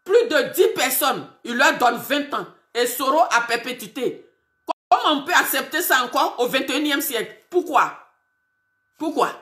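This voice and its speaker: A woman's voice: high voice, expressive, moderate pace, fairly bright tone, reverberant. A woman activist from Côte d'Ivoire, speaking to camera in an indignant tone and hammering home rhetorical questions. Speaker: political activist. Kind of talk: impassioned address to camera.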